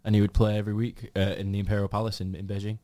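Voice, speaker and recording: A man with a Yorkshire accent co-hosts a podcast in a casual, conversational way. His voice sits on the low side for a man, and the sound is dry and close, with no room echo. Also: little pitch movement, very fast, mellow. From Yorkshire, England. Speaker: podcast co-host. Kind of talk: casual discussion.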